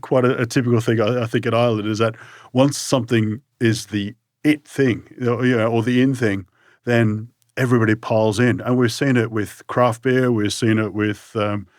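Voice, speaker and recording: Male, Australian accent, mid pitch, dry recording, casual interview chat, loose circling phrasing. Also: fairly even intonation, normal speed, dry recording. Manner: hedging and circling, many "you know" and "sort of" asides. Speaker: brewery co-founder, guest.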